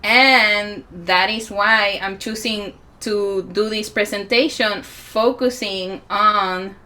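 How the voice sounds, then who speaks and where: A woman in her forties with a Puerto Rican accent, giving a reflective conference talk with many pauses. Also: medium pitch, steady tone, pushed and bright. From Puerto Rico. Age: 40s. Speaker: musician and healer speaking at a conference.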